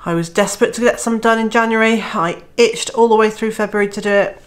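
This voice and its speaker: A Welsh woman with a fairly high voice talks fast and fairly evenly in a casual vlog to camera about her homestead. She has a cold, so she sounds nasal and throaty, and she's chatty, filling her speech with lots of "uh"s.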